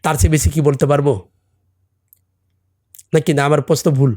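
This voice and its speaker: Casting: middle-aged man, slightly higher voice, Hindi native speaker with a Bengali accent, earnest, keeps asking "understand?". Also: level tone, normal speed, darkish tone. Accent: non-native Bengali, from a Hindi-speaking camp community. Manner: earnest, presses with rhetorical questions like "understand?". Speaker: podcast guest, salon owner. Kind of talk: casual chat.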